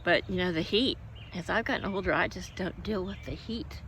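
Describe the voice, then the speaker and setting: A woman's voice: fairly low pitch, moderate pace, fairly bright tone. An older woman from Oklahoma chatting in a meandering, homey way while sitting outdoors in her garden, often hiccuping and yawning. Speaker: vlogger. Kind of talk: rambling casual chat. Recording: faint outdoor noise, birds and passing traffic.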